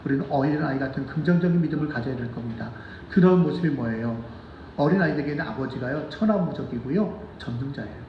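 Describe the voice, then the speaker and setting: A man preaching a sermon as pastor, animated and asking the congregation questions, sometimes acting out children's voices. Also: on the high side, fast talker, roomy sound, distant mic, dull audio, slight background noise. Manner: acts out children's voices in quotes. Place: church sanctuary.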